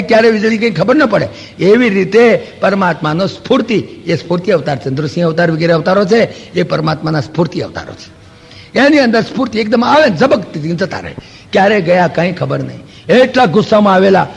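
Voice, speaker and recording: This Gujarati-accented spiritual lecturer speaks on the high side with vocal fry and a slightly rough tone. His Vedanta talk moves through stories, rhetorical questions and homely examples, with quoted dialogue performed in lively asides, all under long hall reverb.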